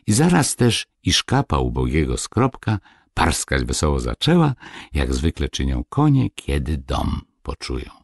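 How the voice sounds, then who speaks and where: Male audiobook narrator, fairy tale, deep, slow, lively melody, husky, dry close studio sound. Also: no echo. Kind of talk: expressive storybook narration.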